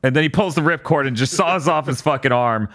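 A man hosting a casual podcast, retelling an episode with lots of laughter and quick put-on voices for the characters. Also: a little high, fairly bright tone. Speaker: podcast host. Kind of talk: casual chat recapping an anime episode.

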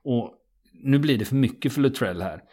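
This man, medium in pitch, tells a true story on a laid-back podcast, keeping things steady and factual while using small fillers often.

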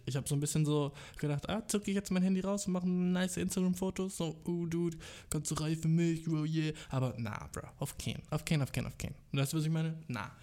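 A man's voice: fairly high pitch, mellow. A young man telling a rambling, casual story alone indoors, full of fillers and English slang.

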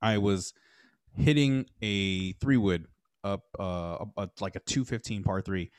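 A young man telling golf stories in casual chat, animated, acting out the people he quotes, with lots of fillers. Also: lowish voice, unhurried, smooth, dry recording. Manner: animated storyteller, acts out quoted voices, many fillers.

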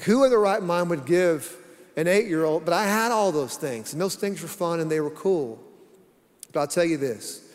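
A middle-aged man preaching a conversational sermon as pastor, telling stories folksily and repeating key phrases for emphasis. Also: mid-range voice. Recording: long reverb of a large hall.

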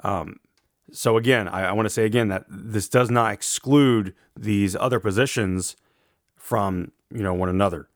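A man lectures informally in a low, gravelly voice that sounds roughened by allergies. He explains carefully and qualifies his points as he goes. The recording is close and dry. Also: moderate pace, dry recording. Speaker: theology lecturer.

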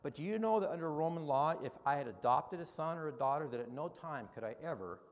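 A male pastor delivering a sermon, moving from quiet, conversational explanation into loud, emphatic preaching. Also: on the high side, animated, fast talker, in a large hall.

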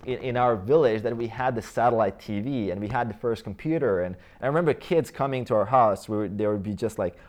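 A native Croatian speaker from the Croatia/Bosnia region, a man in his thirties with a Croatian accent, talks casually about his past as a guest in a life-story interview, rambling with lots of fillers and restarts. His voice is on the low side and a little mellow, and he speaks briskly with few pauses.

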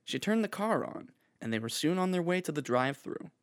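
A man narrating a scripted horror story in a steady, measured reading. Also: fairly high pitch.

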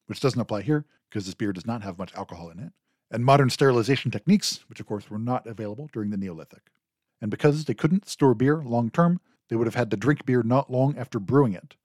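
A man's voice: medium pitch, darkish tone, dry recording. A man hosting a history podcast, explaining and retelling a myth with dry humor. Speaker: podcast host.

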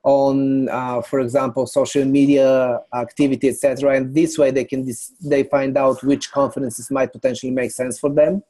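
Bulgarian-born man, mellow explanatory voice. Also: mid-range voice, level tone. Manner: measured, explanatory, lists items. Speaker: company founder, podcast guest. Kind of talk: business interview.

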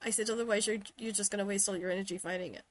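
A woman's voice: medium pitch, steady tone, rapid-fire. Woman with an American-influenced accent, chatting. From Shetland, Scotland. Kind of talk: casual chat.

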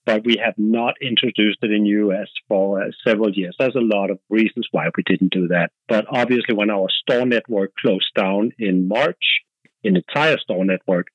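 Talking through his answers on a casual podcast, a marketing director from Denmark hesitates and thinks aloud, with lots of fillers and restarts in his Danish accent. His voice is lowish at a normal speed. The recording sounds dry and lo-fi.

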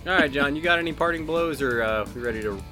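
A man hosting a casual podcast chat, bantering in an upbeat, relaxed way and wrapping up the episode. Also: a little high, fast talker, soft background music. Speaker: podcast host.

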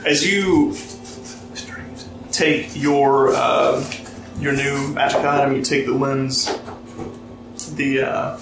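A man narrating as game master of a tabletop game, relaxed and storytelling, reading lore aloud with fillers. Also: mid-range voice, takes it slowly, creaky, background noise. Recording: roomy sound with music behind.

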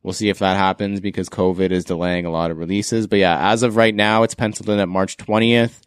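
Laughing young Canadian host, low and dry. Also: male voice, steady tone, fairly quick, smooth, no room sound. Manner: enthusiastic, laughs often, slangy. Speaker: podcast host. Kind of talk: casual podcast chat.

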